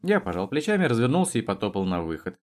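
A man narrating an audiobook in an expressive storytelling manner. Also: fairly low pitch, fast. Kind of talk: scripted narration.

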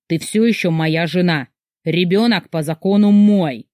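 A woman's voice: lowish voice, a little slow, darkish tone, no echo, studio quality, lightly acted. A woman voicing a domineering ex-husband who snarls threats and screams in fury. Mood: menacing. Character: brutal domineering ex-husband, man, raging.

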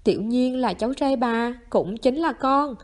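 A woman's voice: a little high, measured pace, close to an everyday voice. A woman voicing a flustered teenage boy who pleads in a raised voice in a story reading. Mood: pleading.

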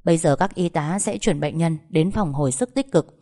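A woman doing a calm, soothing male doctor. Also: deep voice, normal speed. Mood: reassuring. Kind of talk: audiobook storytelling.

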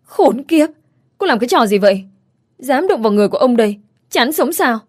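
Story reading: arrogant rich young man, voiced by a woman, taunting and scornful, snapping into angry shouts. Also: mid-range voice, a little fast, lightly acted.

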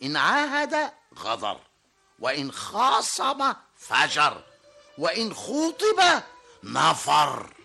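An actor playing a bitter Bedouin man who rails at his foe in measured, rhymed classical Arabic for a radio drama. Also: on the high side, wildly swooping pitch, vocal fry, pushed and bright, slightly rough, soft background music, heavily acted. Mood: scornful. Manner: measured, declaiming rhymed insults.

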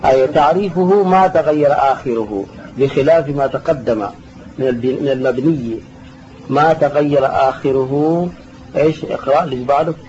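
A man's voice: mid-range voice, normal speed, a little mellow. A man teaching a classroom grammar lesson, patiently repeating key terms and answering students' questions. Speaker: sheikh teaching Arabic grammar. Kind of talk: classroom lesson explaining a text. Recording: dull lo-fi recording with faint hiss.

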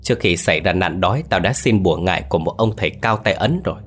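A man's voice: low-pitched, lively intonation, quick pace, a little hiss or hum. A man voicing a vengeful old man who commands corpse spirits, speaking in a menacing roar. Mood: gloating. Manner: roaring, menacing.

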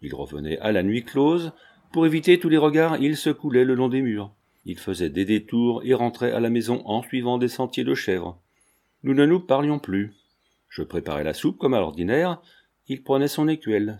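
Give me a man narrating a novel in a calm, measured voice. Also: mid-range voice. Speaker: audiobook reader. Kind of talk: scripted narration.

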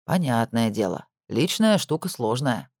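A weary male police captain in an audiobook, pitched low and drawling his words out slowly, as the narrator voices him. He sounds dry and skeptical, close to the mic with no room sound. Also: sing-song, no echo. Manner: dry, laid-back, slow and reasoning.

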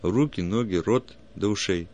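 A man's voice: fairly low pitch, moderate pace, a little mellow, dull audio, close to an everyday voice. A man reading as a worried alien biologist. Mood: urgent. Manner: urgent, pointing things out.

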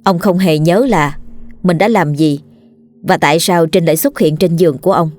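A woman narrating a scripted horror story in a steady, measured reading. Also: lowish voice, faint music behind.

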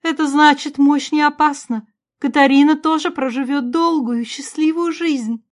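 A woman's voice: steady tone, close to an everyday voice. Woman voicing a tearful older queen mother. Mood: tearful, pleading. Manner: high, loud, slow and sobbing.

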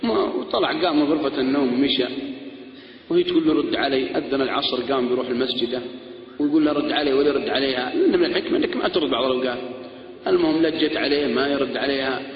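Animated high-voiced preacher in an echoey hall. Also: male voice. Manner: animated, jokey storytelling, acting out voices. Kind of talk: humorous lecture with acted anecdotes. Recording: echoey hall, dull lo-fi sound.

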